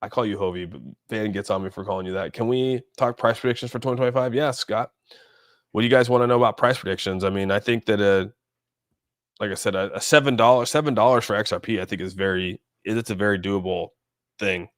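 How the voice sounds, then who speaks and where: A fast-talking man with a lowish, steady, slightly bright voice hosts a casual crypto livestream. He rambles, thinks aloud, and reacts to viewers, all in clean studio sound with no echo.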